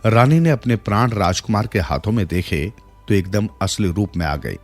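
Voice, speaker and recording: Low-voiced male storyteller over soft music. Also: lively intonation, normal speed. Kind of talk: scripted storybook narration with acted dialogue. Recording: soft music bed behind the voice.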